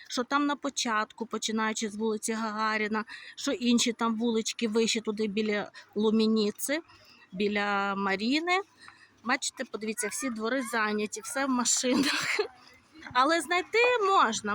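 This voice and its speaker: A woman's voice: on the high side, fairly bright tone, no room sound. A woman from Ukraine chatting casually as she walks outdoors through resort streets, filming on a handheld phone. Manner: chatty, conversational, with fillers. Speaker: vlogger. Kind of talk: casual walking tour vlog.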